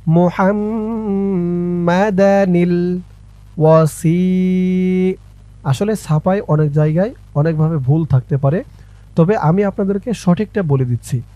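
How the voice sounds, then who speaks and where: High-voiced man slowly spelling out recitation. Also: warm tone, no echo, dull audio. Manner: slow drawn-out spelling and chanting, quick spoken asides. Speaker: Arabic reading teacher. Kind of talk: letter-by-letter recitation lesson.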